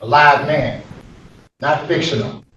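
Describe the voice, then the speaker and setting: A man's voice: a little high, steady tone, slow pace, a bit bright, far from the mic, a little hiss or hum. Defiant man on a dull courtroom recording. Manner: insistent, argumentative, repeats himself. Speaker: defendant. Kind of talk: argumentative courtroom exchange. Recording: dull, echoey courtroom audio from afar.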